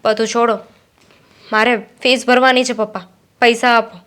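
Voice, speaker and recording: A woman acting as a young student daughter, resentful and determined, with a high voice. She scolds her father in firm, steady reproach. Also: moderate pace, smooth, natural voice. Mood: reproachful. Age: young adult. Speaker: daughter studying to be a pilot. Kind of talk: Gujarati short-film acting.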